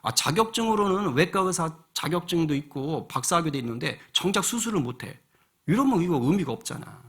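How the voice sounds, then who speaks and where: A middle-aged male pastor preaching a sermon in a church, his voice somewhat husky and pitched a little high. He drives his points with rhetorical questions, swinging between fervent outbursts and quieter asides. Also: expressive, a little fast. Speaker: senior pastor. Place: church sanctuary.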